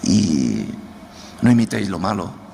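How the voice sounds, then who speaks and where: A man's voice: deep voice, very animated, a little slow, creaky, warm tone. A man, a pastor with an Andalusian accent, preaching a sermon, often repeating words as he searches for them and asking the congregation to answer back. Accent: Andalusian Spanish. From Andalusia, Spain. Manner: asks the congregation for response. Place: church hall. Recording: church hall with long reverb, faint noise.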